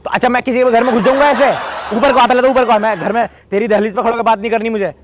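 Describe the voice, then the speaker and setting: Young guy pranking, talks super fast and insistent, keeps laughing, bit of street noise. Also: extremely high pitch, flat delivery. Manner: pushy, insistent, laughing through the act.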